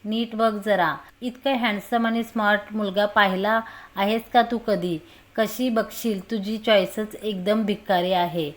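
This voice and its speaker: Drunk quarrelsome young woman, read by a woman, loud, taunting, storybook reading. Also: mid-range voice, steady tone, unhurried, close to an everyday voice.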